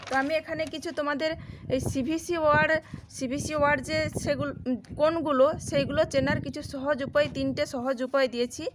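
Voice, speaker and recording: A woman with a high, light voice gives a phonics lesson for children. She explains patiently and sounds out letters one at a time before blending them. Faint noise hums under the recording. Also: steady tone, fast. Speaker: teacher.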